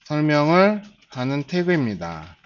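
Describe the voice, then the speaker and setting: Male instructor, 40s, slightly high voice, steady explainer, lo-fi classroom capture. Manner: starts phrases with a drawn-out filler, slow and patient. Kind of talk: classroom lecture. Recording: dull lo-fi lecture recording.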